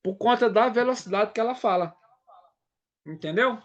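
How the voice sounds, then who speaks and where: Casual sales trainer. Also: male voice, high-pitched, normal speed, dull audio. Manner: casual, keeps checking in with the audience. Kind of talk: live online sales training talk.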